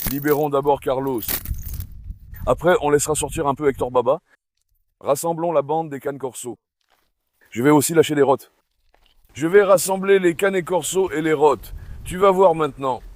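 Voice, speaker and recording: With a fairly high voice and no echo in the audio, a middle-aged man who breeds dogs and runs the channel talks casually to his viewers on a farm vlog. Every so often he calls affectionately to his dogs.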